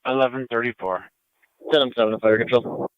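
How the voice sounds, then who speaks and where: A man's voice: mid-range voice, steady tone, normal speed, smooth, no echo. Man on a dull scanner radio. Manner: clipped radio codes. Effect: scanner radio transmission. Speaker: emergency unit calling dispatch. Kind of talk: radio dispatch traffic.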